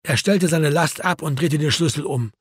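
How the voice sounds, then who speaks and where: A man narrating a novel in a wry, even storytelling manner. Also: fairly high pitch, moderate pace, slightly rough, dry recording, studio quality. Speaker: audiobook narrator. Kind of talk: scripted narration.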